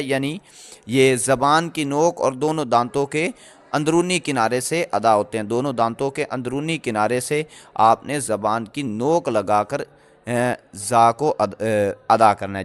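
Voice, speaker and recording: Man slowly teaching letter pronunciation. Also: medium pitch. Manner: explains slowly with many pauses and fillers, sounds out letters repeatedly. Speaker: Quran recitation teacher. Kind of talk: recorded tajweed lecture.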